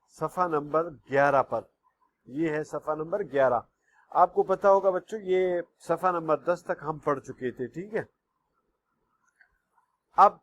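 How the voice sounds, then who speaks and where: A man teaching a recorded online class to young pupils, patiently repeating words and often checking if they follow. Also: on the high side. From Pakistan. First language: Pashto. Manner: patient, repeats words slowly, keeps asking "okay?". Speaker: school teacher.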